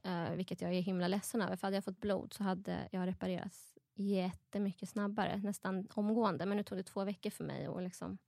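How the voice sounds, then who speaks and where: A woman's voice: medium pitch, steady tone, creaky, hardly any pauses, mellow, no echo. Candid young woman, dry close sound. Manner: candid, reflective, often trailing off. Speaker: guest. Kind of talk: casual chat.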